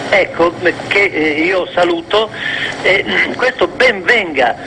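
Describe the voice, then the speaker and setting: Man, slightly high-pitched, halting casual radio speech, noticeably noisy sound. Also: expressive. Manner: halting, hesitant.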